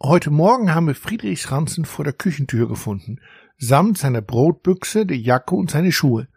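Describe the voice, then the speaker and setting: A man voicing a caring, slightly worried mother in a children's audiobook, speaking gently. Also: fairly high pitch, lively intonation, moderate pace, gravelly, breathy edge, no echo, studio quality, exaggerated voice. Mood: concerned. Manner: gentle, concerned.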